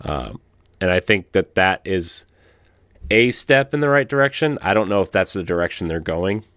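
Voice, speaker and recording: A man's voice: low-pitched, big pitch swings, moderate pace, a bit bright, no echo, clean studio sound. A man on a podcast panel giving casual opinions, often checking in with little tag questions.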